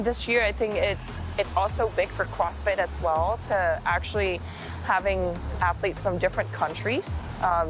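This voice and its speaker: A woman's voice: on the low side, low-quality recording. A woman from Vietnam giving her views in an interview, in a thoughtful, loosely phrased way. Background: music.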